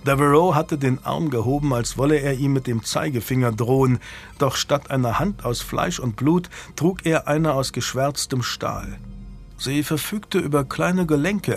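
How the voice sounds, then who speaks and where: A man narrating a historical novel as an audiobook, in a scripted storytelling style. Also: medium pitch.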